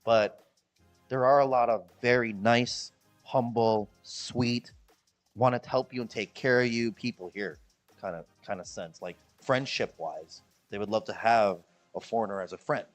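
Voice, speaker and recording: Speaking a little slowly with faint music behind him, the Chicago streamer with a Midwestern accent jokes casually with his viewers in the Philippines. He rambles, repeats himself, and mimics others in a high voice.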